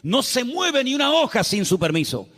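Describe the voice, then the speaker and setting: A man's voice: extremely high pitch, very animated, moderate pace, fairly bright tone. A man preaching a sermon from a church pulpit, emphatic and dramatic, with rhetorical questions and humor. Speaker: pastor. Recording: reverberant church hall.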